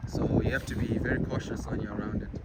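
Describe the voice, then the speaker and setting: Man talking outdoors over loud noise. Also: lowish voice, steady tone. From Zimbabwe. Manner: halting, many fillers. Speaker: bead artist. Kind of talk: casual interview. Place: outdoors at a zoo.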